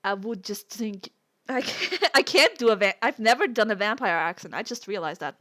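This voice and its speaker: A woman's voice: mid-range voice, animated, moderate pace, a bit bright. Giggly woman streamer. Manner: giggly, self-mocking, laughs often. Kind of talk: casual live-stream chat, reading a story aloud.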